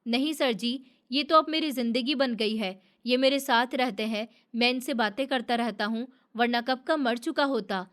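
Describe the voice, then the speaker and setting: A woman's voice: fairly high pitch, normal speed, hardly any pauses, fairly bright tone, close to an everyday voice. A woman voicing a grief-stricken middle-aged man who talks in a weary, pleading way.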